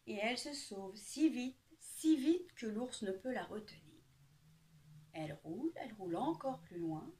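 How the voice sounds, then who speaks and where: A woman reading a children's picture book aloud with lively, expressive storytelling. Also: fairly high pitch, measured pace.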